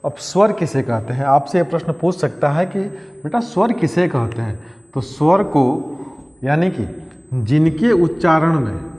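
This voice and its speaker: A man's voice: fairly high pitch, lively intonation, measured pace, darkish tone. A male teacher giving an exam-prep grammar lesson, repeating key phrases and quizzing his pupils as he goes. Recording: echoey room with long reverb.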